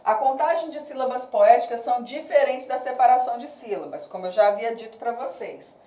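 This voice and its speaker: Woman, Brazilian accent, teacher, patient step-by-step lesson, higher mellow voice, roomy echo, distant mic. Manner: patient, explains step by step, checks in with "né?" and "tá?"; counts syllables slowly and reads verses aloud. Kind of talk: recorded remote class lesson. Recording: echoey room, distant mic.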